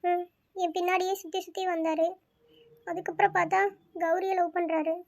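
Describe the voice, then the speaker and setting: A woman's voice: extremely high pitch, flat delivery, normal speed, darkish tone. A woman voicing a heartbroken, tearful young woman. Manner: tearful, despairing. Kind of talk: cartoon voice acting.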